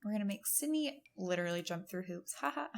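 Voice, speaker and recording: A woman's voice: fairly low pitch, animated, quick pace, a little mellow. A woman hosting a let's-play, giving chatty, giggly gameplay commentary and laughing often. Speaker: gaming channel host.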